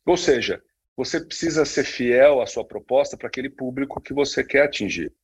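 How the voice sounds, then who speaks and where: A man's voice: mid-range voice, lively intonation, normal speed, husky. A man co-hosting a casual talk, speaking with many fillers and restarts. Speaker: podcast co-host. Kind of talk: casual conversation on branding.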